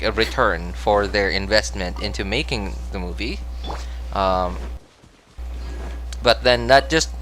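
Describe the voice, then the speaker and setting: A young Filipino game livestreamer chats casually with viewers, rambling, apologetic and self-deprecating. His voice sits in the mid range with a slightly bright quality, and the audio is poor.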